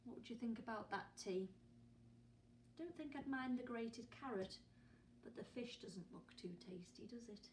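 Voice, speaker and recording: At normal speed, this primary teacher's fairly high, slightly mellow voice carries a touch of hiss or hum as she reads a picture book to young children. Expressive gasps, whispers, and questions for her audience fill the reading, recorded from afar in a room with echo.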